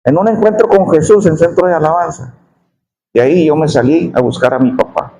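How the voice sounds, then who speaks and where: A man's voice: a little high, fairly quick, mellow, low-quality recording. Man giving an emotional sermon testimony.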